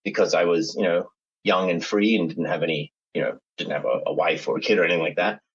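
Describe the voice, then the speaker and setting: Speaking quickly in a low, slightly rough voice, this middle-aged man from the United States appears as a guest author on a podcast, his accent a mix of American, British and Australian. His answers wander, full of restarts and fillers, and the audio sounds dull.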